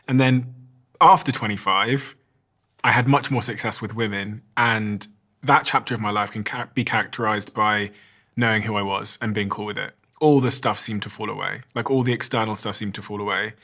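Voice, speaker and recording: A man's voice: lowish voice, fairly even intonation, normal speed, pushed and bright. A man in his thirties hosting a podcast, reflecting on his own experiences in an easy conversational way. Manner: reflective, shares personal stories. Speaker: podcast host.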